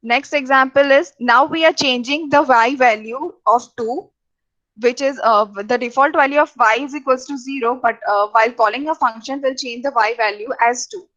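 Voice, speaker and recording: A woman teaches programming in a halting lecture, with many fillers and restarts. Her voice sits a little high, and the recording sounds dull and lo-fi. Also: a bit bright. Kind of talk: lecture over slides.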